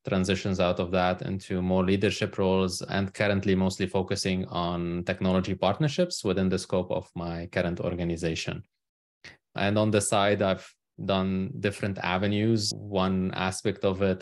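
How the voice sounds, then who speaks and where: Deep-voiced man from Lebanon. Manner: measured, explanatory. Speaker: guest author. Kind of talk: interview answers.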